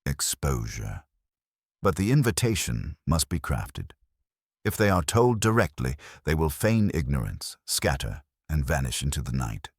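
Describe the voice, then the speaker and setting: Here a man heavily acts out an imperious, unhurried elder detective genius, stern and calculating, speaking formally and flatly in a grave, commanding way. The voice is extremely low, husky and weighty, and the pace unhurried. The sound is dry and studio-clean.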